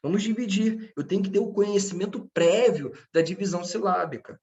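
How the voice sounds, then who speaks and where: A man's voice: high voice, a little fast, darkish tone, muffled recording. A man teaching a grammar lesson, patient and checking in with his students often. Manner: speaks to his students directly.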